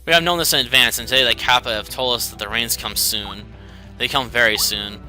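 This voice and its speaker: Guy reading slow creepy mermaid folk, solemn, bright voice. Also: mid-range voice, fairly even intonation, soft background music. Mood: ominous.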